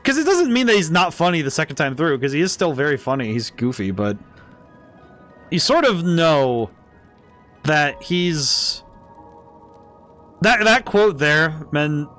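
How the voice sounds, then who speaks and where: Animated, high-voiced man streaming a game. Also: unhurried, long pauses. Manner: enthusiastic, thinking aloud. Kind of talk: casual live game commentary. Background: game music.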